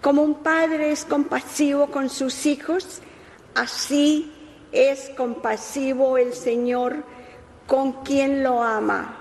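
High, slow woman in cathedral echo. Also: steady tone, darkish tone. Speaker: psalm reader at Mass. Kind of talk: solemn responsorial psalm reading. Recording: church hall with long reverb.

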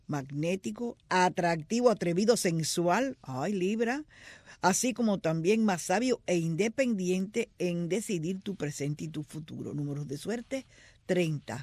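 A woman co-hosting a radio show, reading horoscopes and lottery numbers in a lively way and drawing the numbers out slowly. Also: lowish voice, no room sound. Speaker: radio co-host.

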